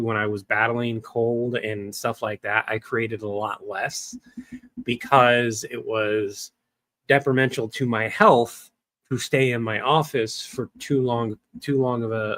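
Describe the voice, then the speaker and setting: A young man hosts a casual livestream from a small wood-paneled room, captured by a desk webcam, rambling to his chat with plenty of fillers. His medium-pitched voice sounds pushed and bright, and the recording is dry.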